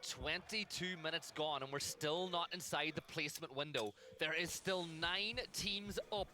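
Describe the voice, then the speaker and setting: A man doing brisk, excitable play-by-play commentary on an esports match. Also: on the high side, slight background noise. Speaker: esports caster.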